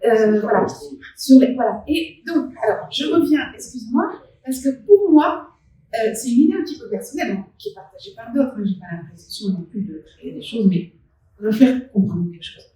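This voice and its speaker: Woman on a conference panel, kinda high voice, keeps restarting and stressing points, sounds far off in a big echoey room. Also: animated, fairly quick, mellow. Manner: hesitant, many restarts and fillers, emphatic. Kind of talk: conference round-table discussion. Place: conference hall at a live event. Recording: very echoey hall, recorded from afar.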